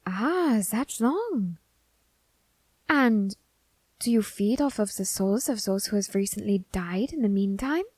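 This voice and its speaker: Here a woman voices a grim reaper of ambiguous gender for ASMR, softly whispering teasing questions to a demon held captive, taking her time and sounding curious. Her pitch is medium, her delivery animated, and the audio is dry.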